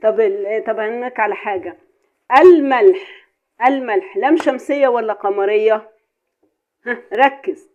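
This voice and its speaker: A woman's voice: a little high, normal speed, darkish tone. A woman with an Egyptian accent, a mother chatting casually through a home cooking vlog, playful and teasing as she quizzes and jokes. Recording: tinny phone-like audio with faint hiss.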